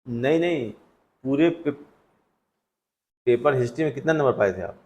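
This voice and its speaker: A man's voice: mid-range voice, expressive, normal speed, darkish tone. A male teacher going through test answers with students in a classroom, conversational and full of questions to them. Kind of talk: classroom test solution lecture.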